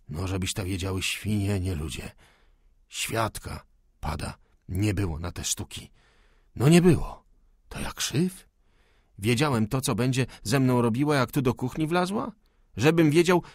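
A man's voice: lowish voice, no echo, studio quality. A man voicing a crude, suspicious old peasant cook who grumbles in rustic country dialect. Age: over 60.

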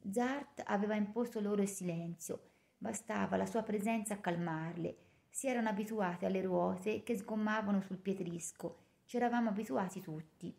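A woman narrating a novel in the first person with a measured, expressive reading. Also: mid-range voice, vocal fry. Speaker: audiobook narrator. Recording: roomy echo.

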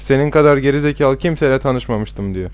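A young man with a medium-pitched, darkish voice commentates his own gameplay at a brisk clip. It's casual let's-play talk, and he's rowdy, swearing and trash-talking the characters on screen.

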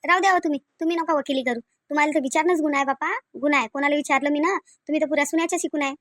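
A woman voices a shrill, scolding Varhadi mother-in-law in a cartoon comedy dialogue, using a Varhadi Marathi accent from Vidarbha. The character is a domineering, miserly rural mother-in-law who nags, mocks sarcastically, and fires off rhetorical questions. Her tone is steady and fairly bright, she talks very fast, and the studio recording is clean with no room sound.

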